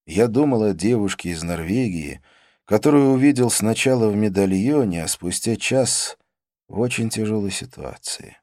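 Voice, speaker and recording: A male narrator reads the story in a low voice with a steady, measured pace. The recording is close and dry, with no room sound around him. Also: no room sound. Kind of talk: audiobook reading.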